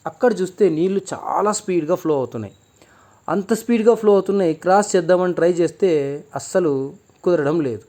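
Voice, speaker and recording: High-pitched, brisk and mellow, this man's voice relays a children's moral story in a relaxed, explanatory manner. He chats through it conversationally, slipping in plenty of English words.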